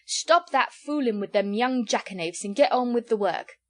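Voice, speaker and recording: A woman doing a loud, blustering old innkeeper. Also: on the high side, expressive, moderate pace, voice pushed up, lightly acted. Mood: emphatic. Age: 60s. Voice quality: loud, emphatic, sententious. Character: bluff, opinionated male innkeeper, good-humoured.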